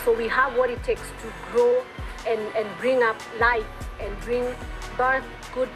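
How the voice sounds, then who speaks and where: A Kenyan woman with a Kenyan accent speaks earnestly and reflectively, pausing now and then. Her voice sits a little high, with clear music running behind it. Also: flat delivery, poor audio. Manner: earnest, reflective, pauses with fillers. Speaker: entrepreneur, interview guest. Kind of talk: interview answers.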